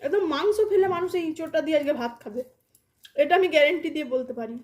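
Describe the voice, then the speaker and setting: A woman with a strikingly high-pitched voice chats to her viewers over a meal. She talks with her mouth full as she eats, in an informal, chatty vlogging style that addresses the audience directly. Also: lively intonation, rapid-fire. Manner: talking with mouth full while eating. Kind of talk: casual chat while eating lunch.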